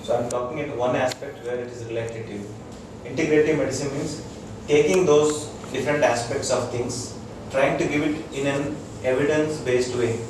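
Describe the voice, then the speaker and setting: Speaking as a doctor at a wellness talk, an Indian-accented man addresses a small audience informally, pausing often as he explains and making sure everyone keeps up. His mid-range voice stays steady, captured from afar in a heavily reverberant room full of loud noise.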